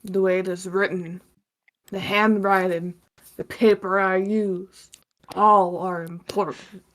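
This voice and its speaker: A woman voicing a stern, wise fortune cookie maker in a live-streamed script read-through, talking in a slow, measured, teasing way with slightly slurred words. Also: mid-range voice, fairly even intonation, natural voice.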